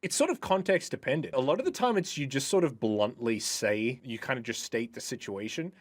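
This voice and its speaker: A man's voice: medium pitch, animated, brisk. Laid-back man giving dry advice. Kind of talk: casual chat.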